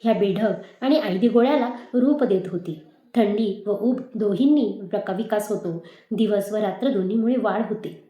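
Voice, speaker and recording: A woman teacher reading a moral story aloud in a measured, expressive manner. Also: medium pitch, lo-fi sound. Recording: echoey room.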